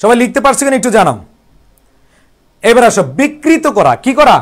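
High-voiced Bangladeshi man drilling vocabulary. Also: very animated, brisk. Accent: Bangladeshi Bengali. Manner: drills words by repeating them over and over; addresses students as brother, coaxing and chatty. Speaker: English vocabulary teacher. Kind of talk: live online vocabulary class.

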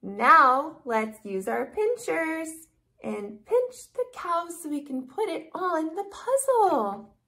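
Very slow, high-pitched woman talking to a toddler. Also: lively intonation, sharp tone. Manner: sing-song, exaggerated, repeating simple phrases. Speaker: children's educational video host. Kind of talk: toddler lesson, talking slowly and simply to a small child.

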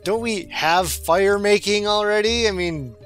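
A man's voice: high-pitched, a little slow, fairly bright tone, soft background music. A young man hosting a casual group chat, reading viewer mail aloud in a playful way and laughing often.

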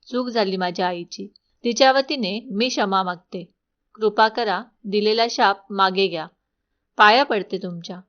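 A woman's voice: mid-range voice, measured pace, lightly acted. Woman reading an anxious, apologetic young princess, storybook, dull audio. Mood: pleading. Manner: pleading.

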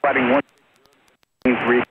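A man working as an air traffic controller, giving brisk clipped clearances over a crackly two-way radio. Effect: heard over a crackly two-way aviation radio. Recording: tinny radio channel with loud static.

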